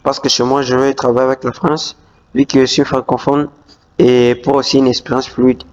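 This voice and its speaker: A man narrates a screen-recorded walkthrough as a YouTube tutorial host, his speech full of fillers and false starts. His mid-range voice barely moves in pitch, is a little mellow and runs at normal speed. The recording is a dull lo-fi voice-over.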